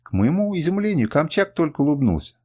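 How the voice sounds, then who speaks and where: A man narrating a first-person adventure audiobook in an expressive reading. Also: a little high, fast, breathy edge. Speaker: audiobook reader.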